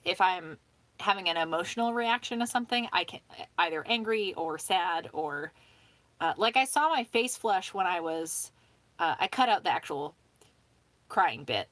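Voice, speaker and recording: A young woman chatting casually on a live stream, rambling with lots of "um" and "like", laughing often and talking fast with some mumbling. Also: on the low side, fairly bright tone, dry recording. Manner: talks fast and mumbles at times.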